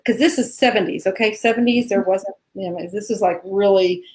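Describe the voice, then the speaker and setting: A woman in her sixties co-hosting a live Q&A, talking in a relaxed, rambling way. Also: medium pitch, brisk. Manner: relaxed, rambling, gentle laughs. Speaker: co-host. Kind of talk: casual conversation on a live Q&A.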